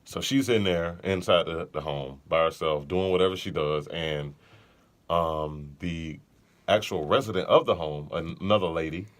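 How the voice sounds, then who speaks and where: Low-pitched and speaking at a normal speed, this male podcast co-host keeps things laid-back, joking around and sharing funny stories in casual conversation.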